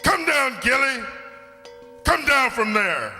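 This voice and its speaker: An earnest, excitable doctor and loyal sidekick, acted by a man in a radio mystery. The high, sharp voice swings widely in pitch with exclamatory delivery, ringing in a reverberant hall. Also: takes it slowly, faint music behind, heavily acted. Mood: shocked, urgent.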